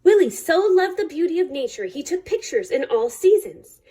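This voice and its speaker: A woman on library staff reads a children's picture book aloud in a high voice, her intonation lively and swooping and her phrasing deliberate and dramatic, telling the story expressively for kids.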